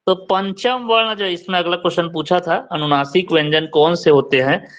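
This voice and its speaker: A man teaching Hindi grammar in an online class, slowly drilling letter sounds and quizzing his students. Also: high voice, fairly bright tone.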